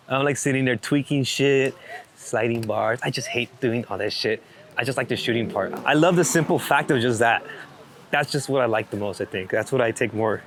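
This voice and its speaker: A lowish male voice comes with a little hiss or hum. In a casual interview, the street photographer rambles in a relaxed fashion about his creative work, cursing freely.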